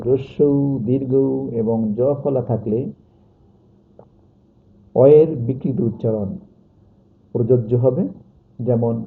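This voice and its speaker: Man teaching slowly over tinny sound. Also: mid-range voice. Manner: slow, repetitive dictation of example words. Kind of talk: pronunciation lesson.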